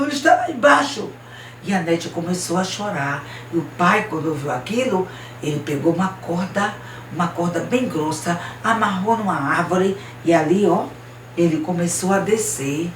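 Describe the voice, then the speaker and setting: Woman storyteller for children, expressive, roomy distant recording. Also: fairly low pitch, a little hiss or hum. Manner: expressive, asides to listeners. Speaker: missionary storyteller. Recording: roomy, distant mic, faint ambience.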